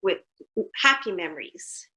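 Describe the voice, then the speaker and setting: Speaking English with a French-Canadian accent, a French-speaking guest artist from Montreal chats casually in an interview. Her voice is fairly low, lively in intonation and measured in pace, and her storytelling is warm and chatty with plenty of fillers.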